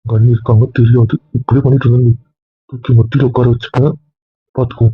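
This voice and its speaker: A man acting as a stern, lecturing young man in a homemade family drama, rattling off his words at a rapid clip. His voice is husky and dry, and the sound is thin and tinny, like a phone line. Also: mid-range voice, level tone, no echo, lightly acted. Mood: defiant teasing. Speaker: actor in a family comedy-drama skit. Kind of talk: casual web-series acting.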